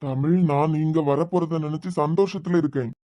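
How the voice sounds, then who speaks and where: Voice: medium pitch, steady tone, a little fast, warm tone, dry recording, studio quality, close to an everyday voice. A voice actor playing an older father-in-law in a cartoon, patiently asking what is wrong. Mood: puzzled. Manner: patient, questioning.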